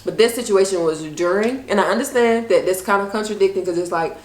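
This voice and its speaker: A woman's voice: mid-range voice, fast talker. A woman with an American accent in casual relationship chat, speaking emphatically and often checking that the listener follows. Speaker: co-host of a mukbang chat show. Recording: roomy echo, clear background noise.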